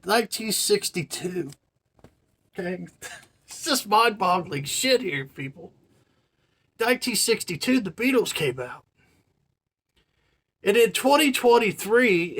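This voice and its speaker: A man's voice: high voice, fairly bright tone. Chatty rambling man in his forties. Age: 40s. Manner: chatty, filler-heavy, says "man" and "you know" a lot; earnest, marvelling emphasis. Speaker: vlogger. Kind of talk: casual rambling monologue.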